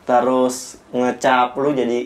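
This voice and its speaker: A man's voice: mid-range voice, monotone, slow pace. A young man explaining things in casual chat, repeating his words as he goes. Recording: echoey room.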